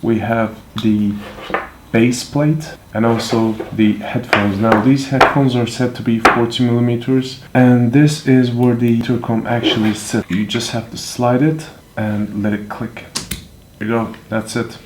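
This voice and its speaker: A product reviewer gives a casual unboxing and hands-on demonstration, thinking aloud in an informal, offhand way as he handles the items. His medium-pitched voice shows little pitch movement at a measured pace, in an echoey room with handling clicks and noise.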